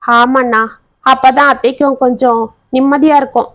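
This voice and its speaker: A woman's voice: high-pitched, steady tone, moderate pace, dry recording, clean studio sound, natural voice. A woman doing a kind soothing aunt.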